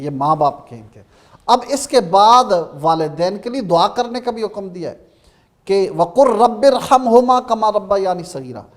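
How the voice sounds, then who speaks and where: A man with a Pakistani Urdu accent, a religious scholar giving an emphatic, sermon-like talk on a Ramadan TV program, reciting verses slowly. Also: high voice.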